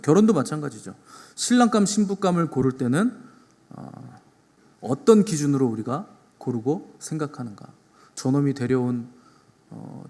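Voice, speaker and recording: In a church sanctuary with big-room sound, a male pastor preaches a Sunday sermon. He swings between loud, emphatic peaks and soft, low asides, putting rhetorical questions to the congregation.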